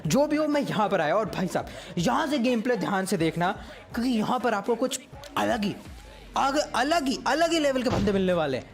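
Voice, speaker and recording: A man's voice: high-pitched, sing-song, fairly quick. Chatty man commentating a mobile game. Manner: chatty, teasing, keeps saying "bhai sahab". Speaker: gaming YouTuber commentating his own match. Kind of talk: casual gameplay commentary.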